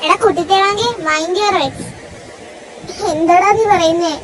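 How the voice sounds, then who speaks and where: Woman doing a squeaky-high bossy girl friend, teasing and scolding, hissy noisy recording. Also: unhurried. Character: affectionate bossy young female friend, teasing. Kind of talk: amateur audio drama acting.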